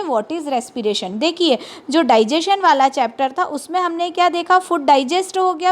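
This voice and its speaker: A woman science teacher giving a lecture, asking questions and answering them herself, and slowing down for terms spoken. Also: sits high. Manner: asks questions then answers them, slows for English terms. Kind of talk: classroom lecture.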